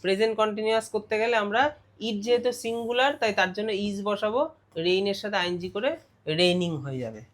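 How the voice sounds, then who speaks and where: A man's voice: high voice, fast, a bit bright. A man with a West Bengal Bengali accent, a teacher giving an exam revision lesson and explaining step by step with frequent check-in questions.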